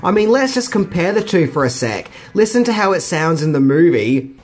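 A man's voice: high voice, big pitch swings, moderate pace. A middle-aged man hosting a scripted film trivia video with casual, slangy asides. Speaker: video host.

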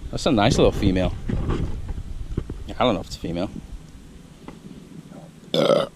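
Excited man on a riverbank. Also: on the low side, normal speed. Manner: excited, chatty, explains to viewers. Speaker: fishing vlogger. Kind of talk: casual outdoor vlog. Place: riverbank outdoors. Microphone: chest-mounted camera. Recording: outdoor recording with faint nature noise.

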